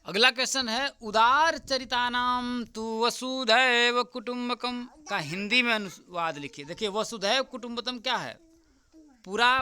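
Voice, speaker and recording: A man teaching as an exam tutor, going through a paper answer by answer, repeating the key answers slowly and often checking with "right?". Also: high-pitched, sharp tone, clean tone. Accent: Hindi. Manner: repeats answers slowly, keeps asking "ठीक?"; addresses viewers as friends.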